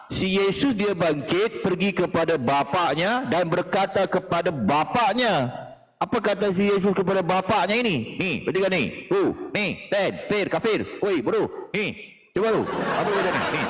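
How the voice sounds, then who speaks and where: A man hosts a heated live-stream debate in a mocking, scornful way, laughing often. His pitch leaps from high, loud jeers down to low mutters, with a slightly raised voice overall. Long reverb trails behind each phrase.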